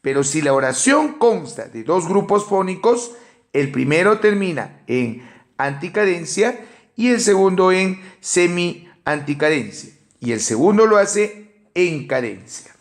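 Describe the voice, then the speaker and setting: A man with a Peruvian Spanish accent giving a measured academic lecture, working through a numbered list of points. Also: sits high, big pitch swings. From Peru. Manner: measured explanatory delivery with enumerations and fillers. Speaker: teacher.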